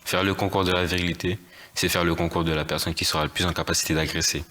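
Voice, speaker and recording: A man's voice: sits low, flat delivery, fast talker, sharp tone. A man on a theatre stage playing a man who confesses to violence, in a grave confessional monologue. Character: man confessing he beat his wife.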